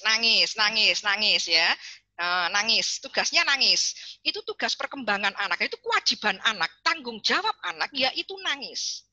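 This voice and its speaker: A woman giving an online parenting seminar, chatty and lively, calling on parents by name over a video call. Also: mid-range voice, dry recording. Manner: lively, chatty, addresses parents and reads chat names.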